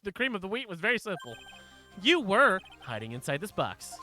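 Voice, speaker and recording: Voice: mid-range voice, very animated, a little fast, pushed and bright, soft background music. A game streamer voicing an earnest, insistent young male defense lawyer pressing his case in a courtroom video game. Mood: confident. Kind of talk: video game dialogue read aloud.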